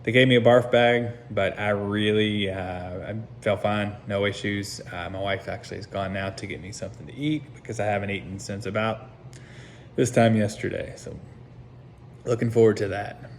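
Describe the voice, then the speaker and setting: A low-pitched American man gives a casual personal update shortly after surgery. He sounds subdued and hesitant, feeling his way through each thought in short, halting phrases. There is noticeable noise behind his voice. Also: fairly even intonation. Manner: hesitant, halting, recalling piece by piece. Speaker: patient recording a recovery update. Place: seated at home, talking to camera.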